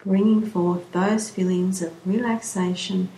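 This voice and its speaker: A woman slowly leading a guided relaxation session in a soothing, drawn-out way. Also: mid-range voice, steady tone, warm tone, slight background noise. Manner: slow, soothing, drawn-out phrasing. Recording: roomy echo, faint background ambience.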